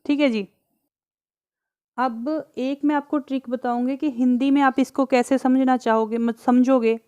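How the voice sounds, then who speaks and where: Slow patient woman teacher, high smooth voice, asks the class stuff and drags out each example. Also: fairly even intonation, mellow, dry recording, lo-fi sound. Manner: patient, repeats questions to the class. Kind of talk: explaining English grammar in Hindi.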